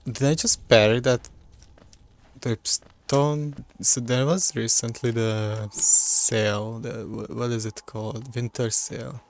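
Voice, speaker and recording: A man's voice: medium pitch, fairly even intonation, slow, vocal fry. A man giving casual gameplay commentary into a desktop microphone, rambling and often stumbling over and correcting his words. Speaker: gamer playing on a recording.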